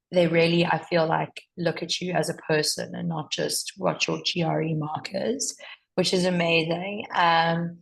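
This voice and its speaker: A South African woman speaking casually as a student panelist, her voice hoarse and partly lost. It sits low, crackles with gravel and stays fairly even in pitch. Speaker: master's student. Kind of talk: casual testimonial on a panel chat.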